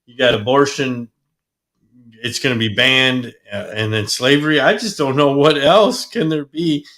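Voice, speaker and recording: Bright-voiced man in rambling casual chat. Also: mid-range voice, unhurried. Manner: rambling, animated, trails off. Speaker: podcast co-host.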